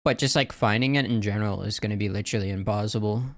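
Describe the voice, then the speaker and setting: A man's voice: on the low side, fast talker, dry recording, clean studio sound. A man talking casually as a livestream host, in a slangy, profane frat-bro manner.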